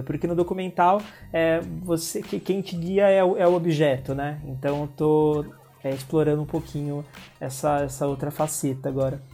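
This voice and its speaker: A man with a Brazilian Portuguese accent and a slightly high, warm voice talks casually about his work as a filmmaker guest in an interview. He often restarts hesitantly and laughs a lot.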